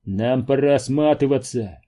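A man's voice: mid-range voice, unhurried, mellow, natural voice. A man doing a nervous, pushy cameraman. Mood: uneasy.

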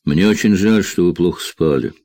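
A man's voice: low-pitched, normal speed, mellow, dry recording. A man voicing a tired, wisecracking male hostage in an audiobook. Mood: wry. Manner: tired, joking. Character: weary, wry male hostage.

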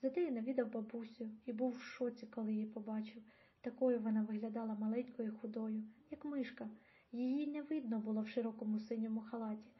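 A woman reading a novel aloud as an audiobook in an even, measured way. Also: on the high side. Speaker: audiobook reader. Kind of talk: audiobook narration. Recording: dull lo-fi audio.

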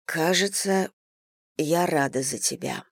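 A woman reading an audiobook, voicing a protective older sister who scolds in a sharp, worried way. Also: fairly low pitch, slow, no echo, studio quality. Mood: scolding.

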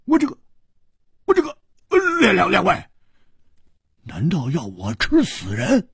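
A man's voice: high-pitched, huge pitch swings, moderate pace, vocal fry, husky, no echo, clean studio sound, voice pushed up, full character voice. A man voicing a boisterous young swordsman who stammers and guffaws.

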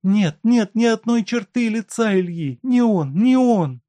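A man's voice: sits high, measured pace, dark tone, no echo, voice pushed up. A man reading aloud and voicing a desperate, tearful wife who pleads with a doctor for her husband. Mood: frantic. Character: desperate grieving wife, middle-aged woman.

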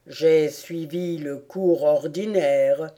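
A woman voicing a sad, sobbing female mock turtle with a calf's head in a storybook reading, slow, loud and lamenting. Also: deep voice, voice pushed down. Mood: mournful. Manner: slow, mournful and loud, turning indignant.

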